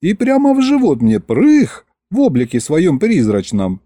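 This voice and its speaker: A man's voice: a little high, huge pitch swings, measured pace, mellow, no room sound, pitched above the performer's own voice. Man voicing a teasing young folk-tale wife. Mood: folksy. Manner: folksy, coaxing, playful.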